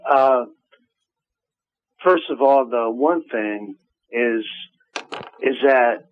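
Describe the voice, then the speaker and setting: A man's voice: medium pitch, very slow, slight background noise. Preachy male radio show caller on phone. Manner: preachy, evangelizing. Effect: calling in over a phone line. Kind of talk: phone-in call. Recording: dull lo-fi phone line.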